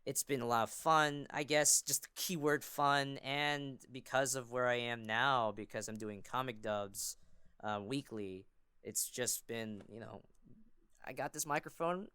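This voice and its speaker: Chatting casually as a podcast guest, a young adult man who does amateur voice acting and fandubs rambles with a fan's enthusiasm. His medium-pitched voice is smooth, sharp-toned and a little slow, with no room sound.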